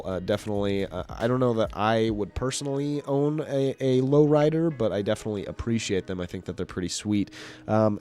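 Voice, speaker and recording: Losing his voice as he goes, a man with a mid-range, darkish voice hosts his own video and narrates a hobby car show. His voice-over is casual and rambling, packed with fillers and restarts.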